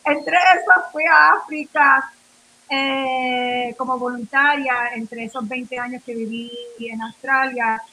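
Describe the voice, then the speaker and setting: A Nuyorican woman from New York, of Puerto Rican family, is a guest on a radio interview, telling her story casually in rambling Spanish full of fillers, restarts, and English words. Her voice is high-pitched, bright, and forceful, slow and fairly even in intonation. The recording is low quality with slight background noise.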